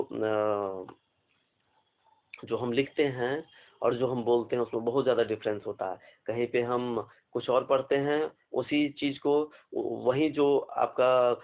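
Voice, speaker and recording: A man teaching an exam vocabulary lesson, slowly spelling out words letter by letter and asking questions. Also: medium pitch, fairly even intonation. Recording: phone-like narrow band.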